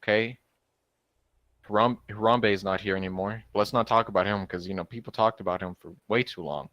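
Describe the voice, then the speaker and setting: Low-voiced young man joking on a podcast. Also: brisk, a bit bright, muffled recording. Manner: jokey, slips into put-on voices for bits. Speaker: podcast co-host. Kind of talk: casual comedic banter.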